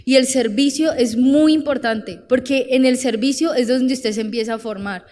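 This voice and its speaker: A young woman with a Colombian accent preaching a sermon, animated and direct, acting out the voices she quotes. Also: high-pitched, moderate pace, in a large hall. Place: church.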